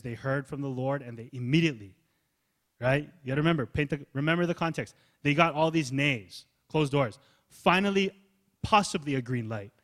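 A man preaching a sermon in a loose, conversational way, acting out little asides and building up to energetic emphasis. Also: medium pitch. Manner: loose, casual phrasing with fillers. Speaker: pastor.

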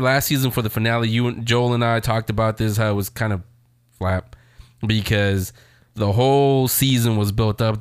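On a casual show chatting about TV series, the male host rambles in a conversational way, speaking right to his audience. His voice sits on the low side, recorded dry in studio quality.

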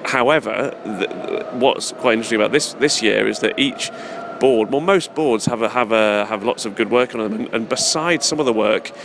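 A man's voice: mid-range voice, moderate pace, vocal fry, hardly any pauses. A man with a British accent giving a casual, enthusiastic, rambling interview as an event organiser. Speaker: festival organiser, interview guest. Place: busy public exhibition space in city centre. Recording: noisy public space, urban background din. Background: people and urban ambience.

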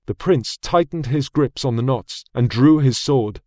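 A man narrates a fantasy novel in an even, measured storytelling voice of middling pitch. The recording is close and dry, with no room echo. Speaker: audiobook narrator. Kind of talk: scripted narration.

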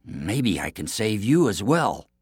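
A man's voice: fairly low pitch, sing-song, slow, darkish tone, husky, no room sound, clean studio sound, full character voice. A man voicing a plucky, earnest young prince in a near-ordinary voice.

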